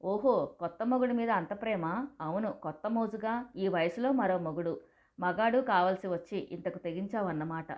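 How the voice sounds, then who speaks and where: A grown son boils over with rage, his speech loud, harsh and full of scorn, as a woman storyteller puts him on. The sound is a touch dull and lo-fi. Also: medium pitch, normal speed, lightly acted. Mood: furious, scornful. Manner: shouting, accusing.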